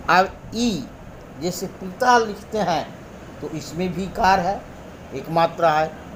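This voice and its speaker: A man teaching a grammar lesson, explaining slowly and deliberately and drawing out each example sound. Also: sits high, slight background noise. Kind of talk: classroom lesson.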